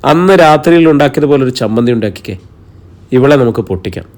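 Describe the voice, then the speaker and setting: A man's voice: mid-range voice, expressive, fast talker, a little mellow, lightly acted. A man reading the part of an affectionate young man who teases his partner's sister in an audio story. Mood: teasing.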